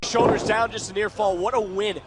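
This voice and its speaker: A man calling a wrestling match as play-by-play commentator, with excitable, exclamatory calls of the action. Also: high-pitched, a little fast, over a noisy crowd. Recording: noisy live outdoor event. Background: loud event noise.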